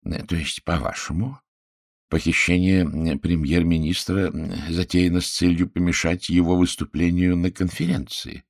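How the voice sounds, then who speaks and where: A man's voice: low-pitched, flat delivery, normal speed, vocal fry, no echo, clean studio sound. A man reading as a pompous pedantic detective. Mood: measured. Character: fussy precise Belgian detective, middle-aged man.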